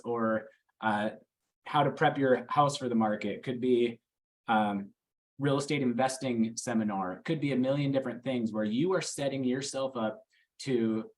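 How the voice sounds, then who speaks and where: Brief: male sales coach, mid-pitch, animated storyteller, keeps asking the room questions. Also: moderate pace. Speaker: real estate team coach. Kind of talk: training talk to a small team.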